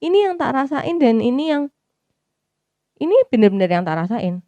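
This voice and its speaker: A woman's voice: fairly high pitch, big pitch swings, normal speed, dark tone, dry recording. Chatty Javanese-accented woman giving testimony. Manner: conversational, mixes English phrases, acts out her own inner thoughts. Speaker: testimony speaker at a youth service. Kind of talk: personal church testimony.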